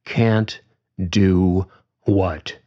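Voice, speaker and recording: A man's voice: low voice, fairly even intonation, drawn-out words, mellow, lo-fi sound. A man doing a seething, fed-up young woman. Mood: angry. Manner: clipped, firm, seething.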